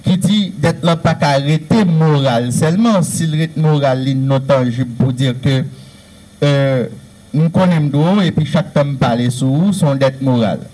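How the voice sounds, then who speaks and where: A man with a Haitian Creole accent speaks in a lecture-style talk. His voice is mellow and sits a little high. He presses his points through long, earnest, repeated lists. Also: unhurried, rough recording. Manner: earnest, repetitive, emphatic listing.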